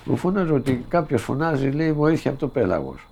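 A man's voice: mid-range voice, sing-song, gravelly, darkish tone, a little hiss or hum. A middle-aged man from Greece telling a first-person story from his past in a plain, vivid way, quoting the people involved. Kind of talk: spoken first-person recollection.

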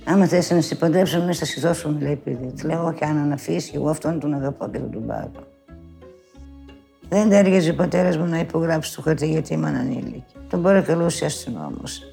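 A woman's voice: low voice, creaky, faint music behind. An older woman telling a personal story from her youth, bringing it to life by acting out the voices of the people in it. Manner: animated retelling, acting out quoted speech with many asides of "she says".

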